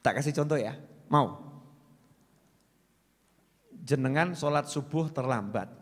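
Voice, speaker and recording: A man preaching a sermon in an animated, teasing way, dropping into phrases. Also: mid-range voice, slow pace. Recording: long hall reverb.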